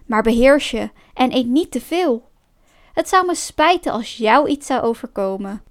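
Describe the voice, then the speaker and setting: A woman's voice: on the high side, expressive, measured pace. A woman voicing a cunning male fox in a storybook, sweet-talking and mocking under a show of friendliness. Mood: sly.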